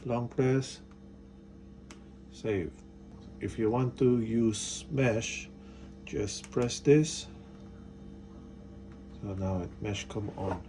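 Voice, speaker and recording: A man casually talks through installing a product, using short step-by-step phrases. His mellow voice is fairly low, with drawn-out words and long pauses, and faint music and slight noise can be heard behind him.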